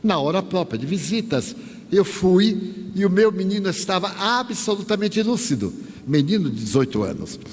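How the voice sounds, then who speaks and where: A man from Bahia, giving a spiritist lecture as a lively storyteller who acts out the dialogue. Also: high voice, normal speed. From Bahia, Brazil. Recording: echoey hall with faint hiss.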